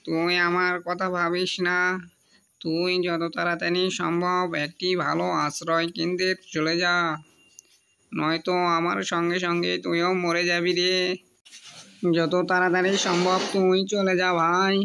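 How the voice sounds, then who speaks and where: A man's voice: high voice, completely flat delivery, measured pace, creaky, bright, forceful tone, smooth, heavily acted. A man voicing a selfless, lame younger brother fox in a cartoon, pleading insistently. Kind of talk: cartoon voice acting.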